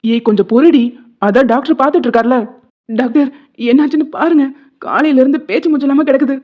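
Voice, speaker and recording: A woman's voice: high-pitched, fast. A woman voicing a stern, bossy village-head husband, tinny sound. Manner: scolding, commanding.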